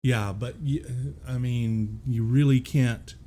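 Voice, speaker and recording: A man's voice: mid-range voice, steady tone, warm tone, a little hiss or hum. A man narrating a tabletop game as game master, hesitant and full of fillers. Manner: slow, hesitant, many fillers.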